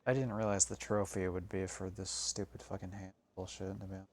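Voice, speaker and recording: A man's voice: low-pitched, little pitch movement, fairly quick, a little hiss or hum. A man streaming a game, thinking aloud and grumbling with frequent swearing. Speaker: gaming streamer. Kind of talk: casual gameplay commentary.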